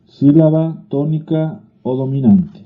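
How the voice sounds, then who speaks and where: Slow man reading a Spanish lesson. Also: on the high side. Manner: slow, deliberate reading with restarts. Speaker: teacher. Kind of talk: reading a grammar lesson aloud. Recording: phone-like narrow-band audio.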